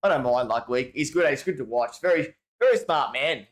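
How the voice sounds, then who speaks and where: A man's voice: mid-range voice, lively intonation, fairly quick. Australian man, stream host, casual slangy chat, rambling with restarts, answers chat messages. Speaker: livestream host.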